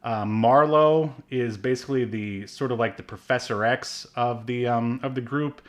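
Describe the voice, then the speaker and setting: A man co-hosts a podcast, chatting casually and rambling along with fillers and little laughs. His pitch is medium and his speed normal.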